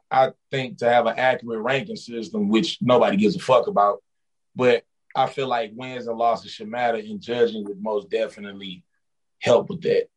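A man's voice: medium pitch, low-quality recording. A man speaking as a podcast guest in casual, opinionated slang, bluntly and with easy swearing.

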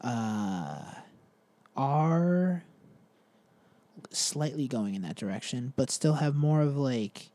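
A young man talks casually about music, rambling through his thoughts with many fillers and self-corrections. His voice is mellow and relaxed. The recording is dry and close. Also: medium pitch, slow pace, pauses often, dry recording. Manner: rambling, filler-heavy, laughs at himself. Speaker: podcast host.

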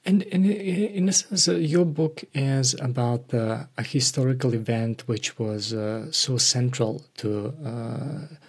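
Brief: male podcast host, mid-pitched, halting, lots of uh between words. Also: slightly rough. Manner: hesitant, many fillers and restarts. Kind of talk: conversational interview.

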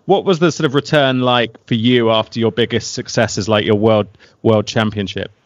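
A man's voice: fairly low pitch, normal speed, dry recording. A man, hosting an interview and asking long, rambling questions full of "you know.". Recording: dry, muffled lo-fi audio.

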